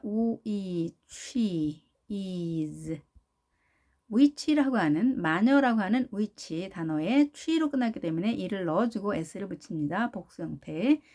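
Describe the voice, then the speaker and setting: Woman, pronunciation teacher, very slow, warm dark tone, repeats each word. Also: mid-range voice. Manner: patient, repeats model words slowly. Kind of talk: slow phonics lesson.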